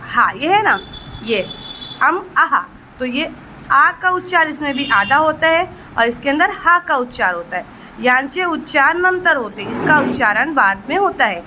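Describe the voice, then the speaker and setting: A woman's voice: high-pitched, pushed and bright, slight background noise, low-quality recording. A woman teacher giving an exam-prep lesson, asking rhetorical questions and answering them herself, mixing Marathi terms into her explanations. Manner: addresses students fondly as children.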